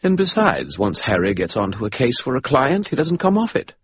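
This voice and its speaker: A man's voice: medium pitch, wildly swooping pitch, brisk, husky, no room sound, muffled recording, pitched above the performer's own voice. A man voicing a sarcastic, patronizing male spirit who lives in a skull.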